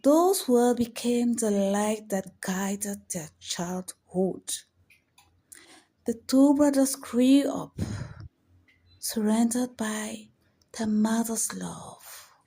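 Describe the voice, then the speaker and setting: A woman telling an emotional story in scripted narration, soft, solemn and often half-whispered. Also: a little high, extremely slow, slightly rough.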